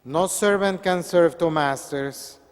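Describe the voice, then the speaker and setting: Priest in an echoey church. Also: male voice, fairly high pitch. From Peru. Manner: measured, earnest preaching. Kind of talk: Gospel reading and sermon.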